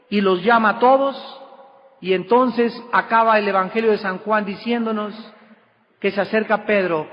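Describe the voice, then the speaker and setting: High-voiced emphatic preacher in a reverberant hall. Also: male voice. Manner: emphatic preaching with sudden rises and slow drawn-out words. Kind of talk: sermon. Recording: dull lo-fi recording with long hall reverb.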